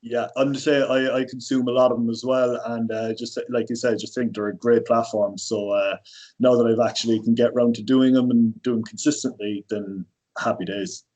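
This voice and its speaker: An Irish personal trainer in his thirties chats casually as a podcast guest, rambling with plenty of fillers and restarts. His mid-range voice has fairly even intonation, a moderate pace and a darkish tone, and the audio is poor.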